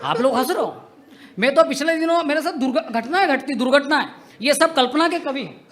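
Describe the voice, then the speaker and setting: A man's voice: very high voice, fairly quick, a bit bright. A young adult man performing comic poetry on stage into a microphone, teasing the audience in a playful joking manner. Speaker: comedic poet. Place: outdoor stage tent at a poetry gathering.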